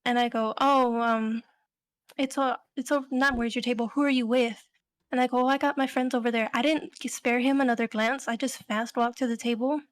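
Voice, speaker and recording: A woman's voice: a little high, steady tone, fairly quick. A young adult woman co-hosting a podcast, telling a story in a rambling, casual way full of fillers. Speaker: podcast co-host.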